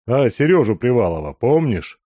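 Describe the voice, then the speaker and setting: A man voicing a young gentleman who asks calm, friendly questions. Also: medium pitch, moderate pace, no echo, muffled recording.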